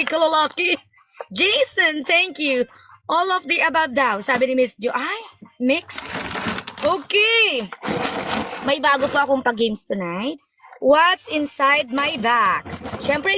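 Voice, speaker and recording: Young woman streamer, teasing chatty host, high bright voice, faint hiss behind. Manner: playful, teasing, switches between Tagalog and English. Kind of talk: chatty live-stream banter.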